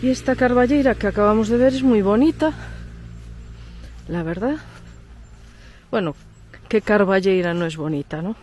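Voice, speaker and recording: A woman's voice: medium pitch, moderate pace, long pauses, a little mellow, a little hiss or hum. Nasal, congested woman vlogging. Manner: chatty, pointing things out as she walks. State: stuffy cold, congested. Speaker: travel vlogger, host. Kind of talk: casual guided tour. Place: outdoors in a village.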